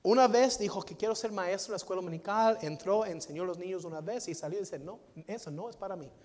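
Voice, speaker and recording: High-voiced preacher in a reverberant hall. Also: male voice, quick pace. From United States. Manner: dynamic preaching, swings from soft to loud, repeats phrases. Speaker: pastor. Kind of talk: sermon. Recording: long reverb of a large hall.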